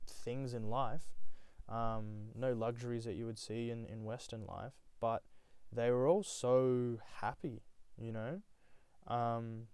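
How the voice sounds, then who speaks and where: A young man from Nepal tells his own story reflectively, rambling with many fillers. His medium-pitched voice is slightly mellow and smooth, and there's no echo.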